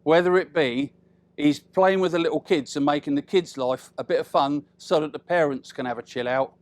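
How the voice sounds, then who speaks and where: Giving an informal, humorous speech as father of the bride, a middle-aged British man talks in a notably high register. He chats and teases, leaving pauses and adding tag questions to his remarks. The recording is dry.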